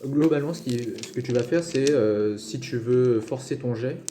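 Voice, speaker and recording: A man's voice: mid-range voice, normal speed, mellow. A man running a tabletop game as game master, improvising narration and often searching for words. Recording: roomy with faint noise.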